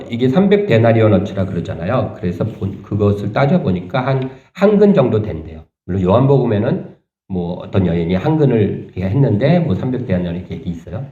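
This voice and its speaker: A man preaching a sermon as pastor, talking conversationally and asking the congregation rhetorical questions, turning animated and indignant at points. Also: lowish voice, roomy sound, muffled recording. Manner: animated, rising sharply when voicing indignation. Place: church sanctuary.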